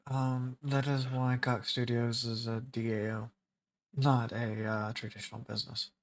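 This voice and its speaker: A man trading jokes in a casual podcast chat with a mid-pitched voice. He keeps a deadpan tone and drops in short agreements. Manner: jokey, deadpan, many quick affirmations. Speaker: podcast co-host.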